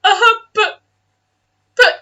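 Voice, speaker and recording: A woman voicing a dazed, wounded male demon in a tabletop game, halting, stammering and flustered. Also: very high-pitched, fairly even intonation, pushed and bright, voice pushed up, full character voice.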